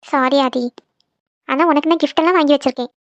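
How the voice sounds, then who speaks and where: Woman voicing a young cartoon heroine, tearful, proud, defensive, high voice, rushed delivery, dry, dull lo-fi sound. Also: fairly even intonation, dry recording. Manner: hurt, defensive, insists nothing is wrong. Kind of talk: cartoon voice acting.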